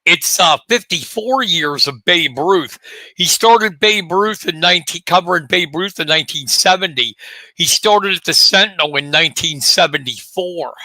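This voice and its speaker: A man in his late fifties with a very bright, ringing voice, co-hosting a sports talk show. He chats and jokes, often tossing out rhetorical questions. The sound is dry and close. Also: a little high, normal speed, no room sound. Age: 50s. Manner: chatty, jokey, asks rhetorical questions. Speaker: co-host.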